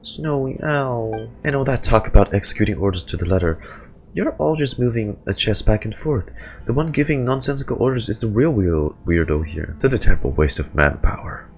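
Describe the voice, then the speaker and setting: A man's voice: lowish voice, lively intonation, fairly quick, slight background noise, voice pushed up. A man reading as a chirpy little companion. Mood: scoffing. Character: small chirpy female floating companion.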